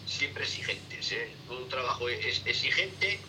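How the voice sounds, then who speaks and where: A middle-aged man, a sailing instructor, answering interview questions in a halting way, full of fillers and tag questions. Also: medium pitch, lively intonation. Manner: halting, many fillers and repeated "¿eh?". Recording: distant noisy remote line.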